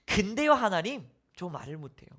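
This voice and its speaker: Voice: medium pitch, very animated, brisk, a bit bright. A preacher voicing whiny, pleading Moses. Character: Moses, nervous man making excuses. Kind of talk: sermon retelling with acted voices.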